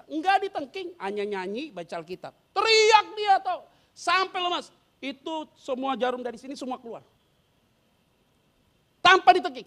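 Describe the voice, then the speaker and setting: High-voiced animated male preacher. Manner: animated storyteller who acts out scenes and quizzes the congregation; casual slangy delivery. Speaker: pastor. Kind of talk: lively preaching sermon.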